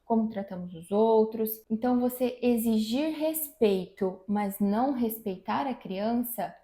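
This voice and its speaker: A woman, a mother co-hosting, giving measured parenting advice in a casual chat at home. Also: fairly high pitch, dark tone. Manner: measured, advice-giving, repeats key phrases. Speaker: mother and channel co-host. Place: room at home. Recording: echoey room.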